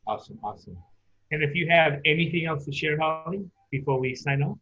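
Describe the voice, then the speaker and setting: A man co-hosting a podcast, gently thanking the guest and signing off the show. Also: fairly high pitch, lively intonation, brisk, slightly rough. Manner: gentle, wrapping up with thanks and sign-off. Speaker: podcast co-host. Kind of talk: casual interview chat. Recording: tinny phone-like line.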